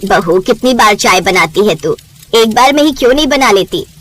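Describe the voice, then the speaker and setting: A woman's voice: medium pitch, expressive, normal speed, fairly bright tone, voice pushed down. A woman voicing a demanding mother-in-law in a cartoon story, who scolds and taunts. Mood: scolding.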